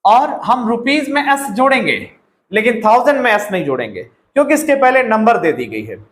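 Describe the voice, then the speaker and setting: Man, Indian accent, teacher, high voice, repeats phrases, roomy echo. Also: very animated, a bit bright. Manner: explains slowly, repeating words and phrases. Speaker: English grammar teacher. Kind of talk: classroom-style grammar lesson.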